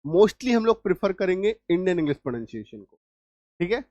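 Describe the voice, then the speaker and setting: A man's voice: sits high, very animated, brisk, warm tone, dry recording, highs cut off. A male English teacher giving a spoken lesson, explaining patiently step by step and often checking that his students understand. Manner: repeats words and keeps checking understanding.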